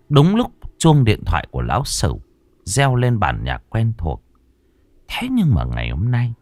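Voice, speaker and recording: A man's voice: low voice, a little mellow, no echo. A man narrating a ghost story dramatically, switching into many character voices.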